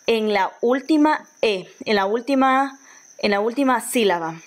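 A woman's voice: on the high side, expressive, unhurried. A Honduran woman teacher giving a recorded grammar lesson, patient, often repeating and restarting phrases as she explains. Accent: Honduran Spanish.

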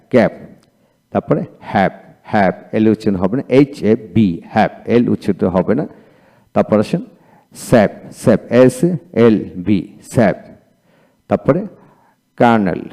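A man's voice: on the low side, warm tone. A male teacher with a Bangladeshi accent giving a recorded lecture, repeating each word twice and spelling it letter by letter. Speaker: English teacher.

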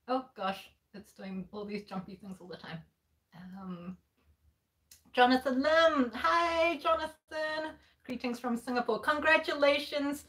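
A woman's voice: high-pitched, takes it slowly, long pauses, a bit bright. A bubbly woman co-hosting a casual livestream from home, reading out viewer comments and laughing often. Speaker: livestream co-host. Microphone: laptop setup at home.

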